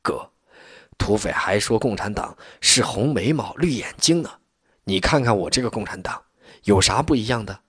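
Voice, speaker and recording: Earnest kind young cadre guy, storyteller voicing him, husky, rises up when he gets fired up. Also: fairly low pitch, lively intonation, normal speed, dry recording, studio quality. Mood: reassuring. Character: young communist cadre, warm and reassuring.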